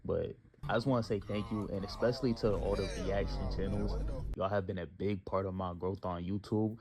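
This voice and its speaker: A man's voice: low-pitched, fairly even intonation, fairly quick, crowd noise. A man of twenty thanking his viewers in slangy, joking casual talk, recorded on a phone. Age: 20s. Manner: slangy, joking, trash-talking. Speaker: YouTuber.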